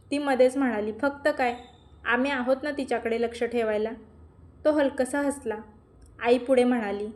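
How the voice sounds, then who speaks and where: A woman narrating a gentle, emotional family story in a scripted storytelling style, speaking the dialogue softly. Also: fairly high pitch.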